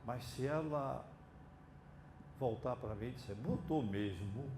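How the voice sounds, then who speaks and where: A Brazilian psychiatrist giving a reflective, digressive lecture in an auditorium, with drawn-out pauses and hesitant fillers. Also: male voice, mid-range voice, background noise. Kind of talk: unscripted lecture.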